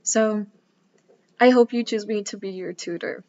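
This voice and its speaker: A young woman from Bulgaria talks to the camera about her work as a math tutor. She speaks in an earnest, casual way, often pausing on "um", with a mid-range voice. The sound is a little dull and lo-fi. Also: mid-range voice, mellow. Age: 20s. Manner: earnest, with frequent um fillers. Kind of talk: casual self-introduction to camera.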